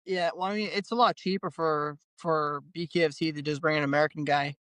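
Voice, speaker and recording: Easygoing fighter guy on an interview, kinda high voice, dry close sound. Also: steady tone, brisk, a bit bright, clean tone, dry recording. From Canada. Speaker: bare knuckle fighter guest. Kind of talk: casual interview.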